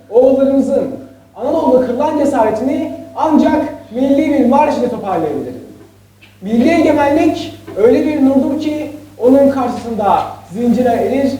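Rousing orator, played by an actor, dark high voice, booming far-off echo. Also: a little hiss or hum. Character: fervent patriotic orator. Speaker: speechmaker in a stage play. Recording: echoey hall, distant mic.

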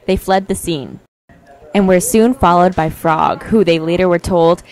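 A young woman narrating a mock-epic tale in a wry, deadpan storytelling manner. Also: on the low side, poor audio. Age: young adult.

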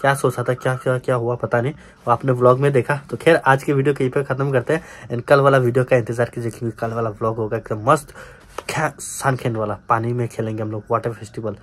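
A man's voice: medium pitch, steady tone, quick pace. A young man chatting casually on his vlog, joking and laughing with the people around him outdoors at night. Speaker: vlogger.

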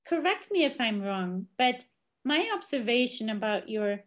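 A woman moderates an online panel from her office over a video call. Her voice sits a little high, and she speaks slowly, pausing to frame each thought before she asks her question. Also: sing-song. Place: office with bookshelves.

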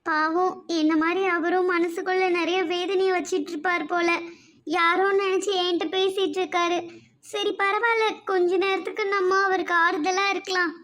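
A woman voicing a lonely unmarried woman in her thirties in a cartoon, speaking in a soft, plaintive inner monologue. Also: extremely high pitch, level tone, moderate pace. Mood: wondering. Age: 30s. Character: lonely unmarried woman, sad and self-pitying. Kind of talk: animated cartoon dubbing.

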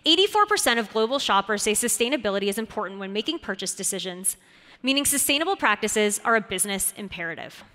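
In a reverberant conference hall, a woman in her thirties delivers a polished, scripted keynote from the stage. Her medium-pitched voice is very animated, fast and sharp in tone, and she lifts her voice to emphasize key points with clear delivery.

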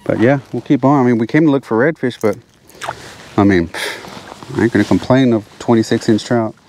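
A man narrating his fishing trip from a kayak outdoors, excited and repeating himself, a bit out of breath from the heat. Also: mid-range voice, brisk, a little hiss or hum. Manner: excited, repeats phrases, drops to hushed whispers when sight casting. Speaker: fishing channel host. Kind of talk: casual outdoor narration to camera. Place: kayak on open water outdoors.

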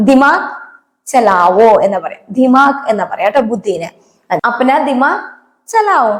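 A woman with a high voice teaches a spoken language lesson, saying each phrase slowly and more than once. She keeps asking her listeners if they remember or understand. The room around her sounds echoey. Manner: patient, repeats each phrase slowly, asks quiz questions. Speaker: Hindi teacher.

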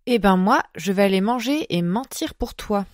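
A woman voicing a spirited young girl who works in the stables, pleading and scolding in quick bursts. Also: medium pitch, darkish tone, no room sound, studio quality, close to an everyday voice. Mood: teasing.

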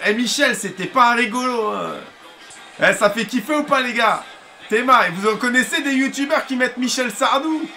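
A man giving live video game commentary with a very high, sharp, bright voice. He is excitable, breaking into loud outbursts and swearing. Music plays quietly behind him. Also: moderate pace. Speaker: gaming streamer. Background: music playing.

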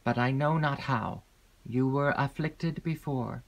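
A woman voicing a gloomy, secretive male porter in an audiobook, speaking slowly and gravely with long hesitations. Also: extremely low pitch, full character voice. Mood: hesitant. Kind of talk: audiobook character reading.

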